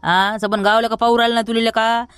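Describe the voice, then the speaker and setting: A man's voice: very high-pitched, flat delivery, clear, resonant tone, no room sound. A man with a Vidarbha Marathi accent playing a broke village man who scolds everyone in a rustic comedy sketch. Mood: scolding. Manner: scolding, rapid and loud.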